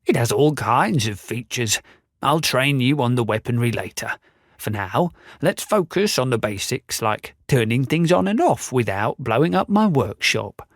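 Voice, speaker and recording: A man's voice: medium pitch, animated, measured pace, no room sound. Audiobook casting: a man playing a forgetful old tinkerer, patient and instructive, dry close read. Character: old male inventor, kindly, forgetful. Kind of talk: audiobook character voice.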